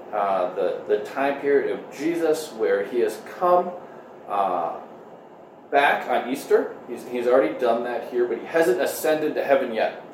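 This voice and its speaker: A man in his thirties, a pastor giving a conversational sermon and prayer streamed online from home, pausing often with "uh". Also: medium pitch, darkish tone, distant mic, slight background noise. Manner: conversational, full of "uh" fillers. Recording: echoey room.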